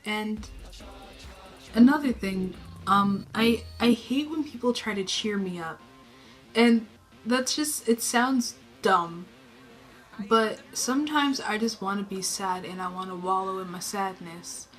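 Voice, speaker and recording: A teenage girl from New York State vlogs from her bedroom, rambling casually to a camera in the room. Her low, subdued, fairly flat voice sounds self-conscious and moves slowly, packed with fillers. The audio quality is poor, with faint music underneath.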